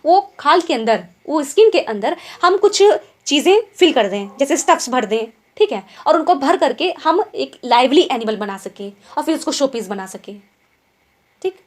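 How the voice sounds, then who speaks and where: Lively high-voiced woman teaching vocabulary. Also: normal speed. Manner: keeps asking quiz questions and tag checks like "ठीक है?"; explains in Hindi mixed with English words. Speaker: English exam teacher. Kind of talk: online vocabulary lesson.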